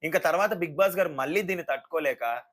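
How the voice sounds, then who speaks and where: A man giving a casual, sarcastic review of a reality show, animated and mocking. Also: fairly high pitch, fast. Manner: sarcastic, animated, mimics people.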